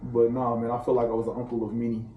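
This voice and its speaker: A man's voice: medium pitch, monotone, racing, phone-quality sound, slight background noise. A man from St. Louis, a private chef, chatting casually as a podcast guest, telling loose, laughing, slangy stories. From St. Louis, Missouri. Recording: roomy room, distant mic, faint ambience.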